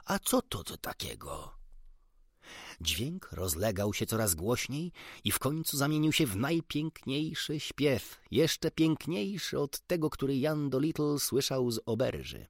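A man narrating a children's book in an expressive, measured storytelling manner. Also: mid-range voice, no echo, clean studio sound. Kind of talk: audiobook narration.

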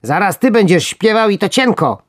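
A man voicing a small, nervous male worm in a storybook, with a squeaky, frantic voice. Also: expressive, normal speed. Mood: urgent. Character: shrill panicky little male worm, nervous alarmist.

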